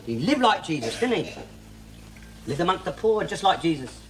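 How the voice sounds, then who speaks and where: A blustering, bigoted middle-aged Cockney, ranting with swearing and tag questions. His pitch swings widely as he holds forth. The old TV recording carries a noticeable hiss. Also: sing-song, normal speed, fairly bright tone. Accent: London Cockney. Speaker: sitcom lead character. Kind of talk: 1960s TV sitcom acting. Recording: noisy old TV soundtrack.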